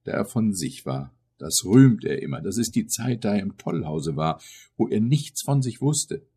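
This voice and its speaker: A man's voice: lowish voice, sing-song, moderate pace, mellow, breathy edge, full character voice. A man doing a lamenting old mother. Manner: lamenting, pitying. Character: grieving old mother of a madman. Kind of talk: audiobook reading.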